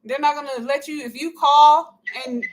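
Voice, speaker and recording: A woman's voice: high-pitched, steady tone, normal speed. An upset, anxious woman, a mother on a phone call, pleading insistently and repeating herself. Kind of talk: emotional phone conversation.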